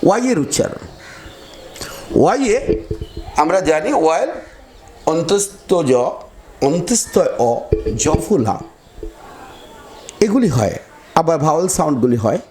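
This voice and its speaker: A man whose voice is a little high and a little mellow, moving through big pitch swings, leads a pronunciation class. Letter by letter he spells words out, repeating them slowly as he speaks right to his students.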